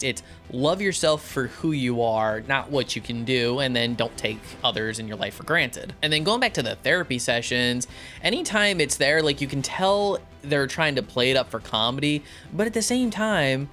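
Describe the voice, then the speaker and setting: A YouTube reviewer and host in his thirties gives a casual spoken review to camera, medium-pitched, expressive and conversational, acting out reactions and quotes. He records in a small home studio room, close to a microphone on a boom arm.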